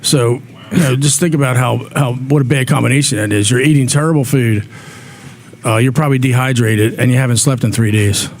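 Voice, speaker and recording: Brisk and mid-range, this man's voice comes from a talk show guest speaking earnestly about community aid. He often repeats words as he thinks aloud, and the recording carries faint background noise.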